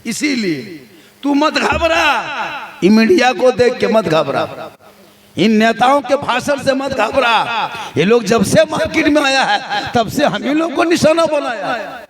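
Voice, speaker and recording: High-pitched preacher scolding a large crowd. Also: male voice, expressive, measured pace. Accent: Jharkhandi Hindi. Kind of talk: fiery sermon at a public gathering.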